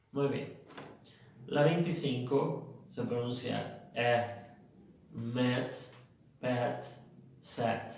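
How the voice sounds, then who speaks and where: A man with a gravelly voice teaches pronunciation at an unhurried pace, spelling out letters and repeating example words patiently. He sounds set back from the mic in a very echoey room. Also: mid-range voice, darkish tone, far from the mic. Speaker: English teacher. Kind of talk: pronunciation lesson.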